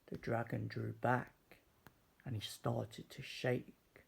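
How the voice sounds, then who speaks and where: A man reading a children's story aloud as storyteller, deliberately and with dramatic pauses. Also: medium pitch, little pitch movement, vocal fry, breathy edge.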